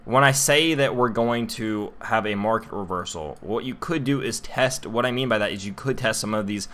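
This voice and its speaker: Young man, lowish voice, casual chart-talk livestream, chatty with lots of "um"s. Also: moderate pace, a bit bright. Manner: casual, chatty, many fillers and restarts, talks to chat. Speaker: crypto livestream host.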